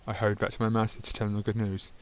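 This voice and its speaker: A man's voice: lowish voice, level tone, very fast. A man reading a narrative game's text aloud, stumbling over words and adding dry asides of his own. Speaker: gaming channel host.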